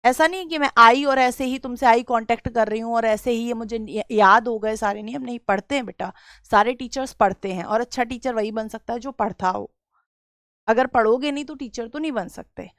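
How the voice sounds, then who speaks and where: A woman's voice: fairly high pitch, brisk, a bit bright, no echo, clean studio sound. A woman teacher from Bareilly with a western Uttar Pradesh accent and a sore throat, patiently teaching a live online grammar class and repeating her key points. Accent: western Uttar Pradesh (Bareilly) Hindi. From Bareilly district, Uttar Pradesh, India. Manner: patient, repeats key phrases, addresses students as beta.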